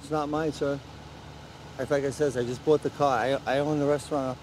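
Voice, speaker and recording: A man answering police defensively and casually as a detained driver, with halting, stammered restarts, outdoors at a roadside stop. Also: medium pitch, steady tone, a little mellow. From United States, apparently New York. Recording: off-mic street audio with vehicle noise.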